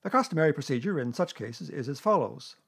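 A man's voice: a little high, animated, fast, gravelly, a bit bright, breathy edge, heavily acted. A man voicing a pompous, self-important owl in a children's storybook, declaiming with emphasis.

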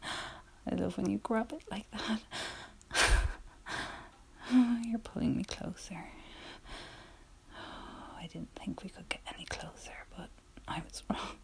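A young woman leaving an intimate voicemail in a hushed, breathy whisper with soft laughs, close to a phone mic. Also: medium pitch, takes it slowly, long pauses.

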